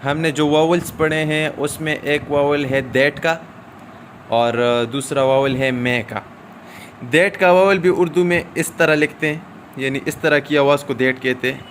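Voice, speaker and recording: A man teaching a recorded shorthand lesson, explaining step by step with drawn-out "aa" fillers and frequent checks like "okay?". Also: on the high side, fairly bright tone, slight background noise.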